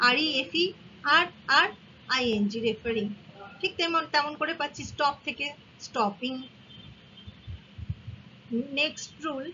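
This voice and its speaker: A woman's voice: sits high, bright, forceful tone. A woman teaching English grammar, patiently explaining spelling rules and spelling words out letter by letter, with a slightly dull, faintly hissy recording. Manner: patient, repeats and spells out each example.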